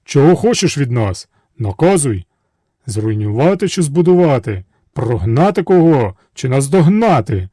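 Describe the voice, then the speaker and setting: A booming chorus of magic servants from a storybook tale, as a man puts them on, shouting in unison. Their raised voices are slow and heavy. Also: big pitch swings, dry recording, clean studio sound. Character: forty magical servants conjured from a pipe, chorus.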